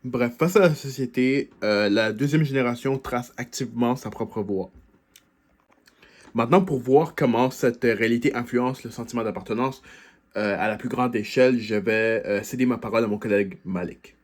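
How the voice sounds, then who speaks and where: A man's voice: medium pitch, moderate pace. A young man, a student, interviewing classmates with eager questions and then giving scripted commentary.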